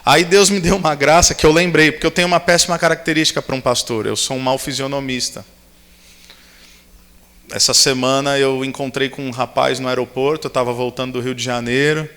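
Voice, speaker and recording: A man's voice: medium pitch, steady tone, fairly quick, fairly bright tone. A man, a pastor preaching at a youth camp, telling personal stories with humor and acting out the dialogue. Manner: storytelling, acts out dialogue, humorous asides. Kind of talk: sermon with personal anecdotes. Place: large camp meeting hall. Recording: long hall reverb.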